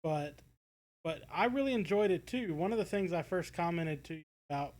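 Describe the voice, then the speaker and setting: His voice is expressive and somewhat high, with a darkish tone and a normal pace. An American man co-hosting a podcast, he talks casually, groping toward his points in hesitant, circling phrases.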